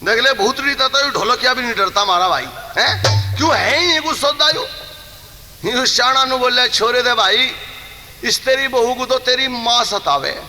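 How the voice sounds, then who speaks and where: In poor audio with a long reverb tail and faint music behind, a man with a very high-pitched voice tells a Haryanvi kissa at normal speed. He preaches animatedly, acting out the characters' voices and breaking into sung refrains.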